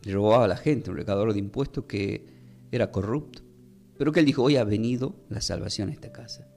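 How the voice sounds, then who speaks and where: A man preaching a sermon, measured and slowing down to stress key words. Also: on the low side, creaky, darkish tone, faint music behind.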